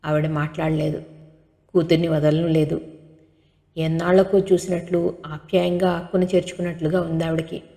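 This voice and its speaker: A woman reading a novel aloud as an audiobook narrator, in steady expressive storytelling, with a long hall reverb. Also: low voice, normal speed, gravelly.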